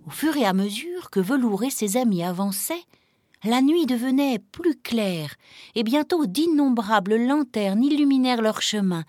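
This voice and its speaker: A woman narrating a children's storybook in a gentle, expressive reading voice. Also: a little high, normal speed, dry recording, clean studio sound, soft background music.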